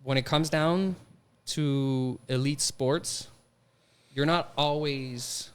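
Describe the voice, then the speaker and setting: Quebec-accented hockey guy on a podcast, smooth clear voice, thinks out loud with lots of restarts. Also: mid-range voice, fairly even intonation, takes it slowly. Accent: Quebec French. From Quebec, Canada. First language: French. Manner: thoughtful, many restarts and fillers. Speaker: guest, hockey player. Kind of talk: relaxed interview answers.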